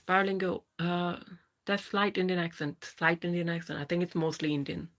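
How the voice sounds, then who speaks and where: A woman in her thirties with a Pakistani English accent hosts a live stream, chatting casually and reading viewer comments, replying to people by name. Her voice is on the low side, with fairly even intonation and a normal speaking speed.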